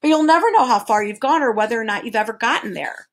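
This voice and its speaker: A woman's voice: on the high side, lively intonation, fast talker. A woman doing a fussy, pedantic twelve-faced creature. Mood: scolding. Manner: lecturing, pedantic, exclamatory. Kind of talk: storybook reading.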